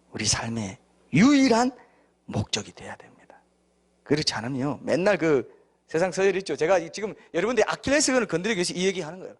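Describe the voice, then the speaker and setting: Animated Korean pastor preaching, high voice. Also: male voice, husky. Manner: animated, acts out quoted voices, asks the congregation questions. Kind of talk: sermon.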